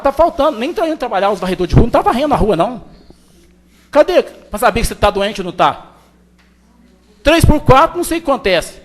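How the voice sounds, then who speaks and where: A man, a town councilman giving an indignant, emphatic floor speech in the council chamber. He repeats his points over and over. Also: high voice.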